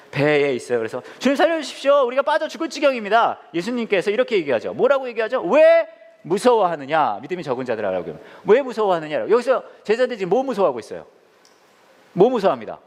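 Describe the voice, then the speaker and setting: A man who is a pastor, teaching a Bible study in an animated way, asking the audience questions and answering them himself. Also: a little high, in a large hall. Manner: acts out quoted lines in changed voices.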